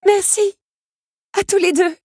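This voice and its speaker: A woman's voice: extremely high pitch, steady tone, slow pace, darkish tone, no echo, studio quality, pitched above the performer's own voice. A woman voicing a desperate young heroine in a storybook reading, calling out shrilly for help.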